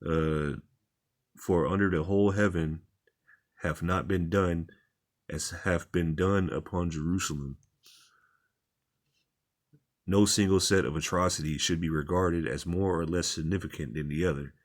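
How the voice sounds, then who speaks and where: Low-voiced man giving plain-spoken commentary. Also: fairly even intonation, normal speed. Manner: plain-spoken, informal and repetitive. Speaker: religious commentator. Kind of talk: reading and commenting on articles.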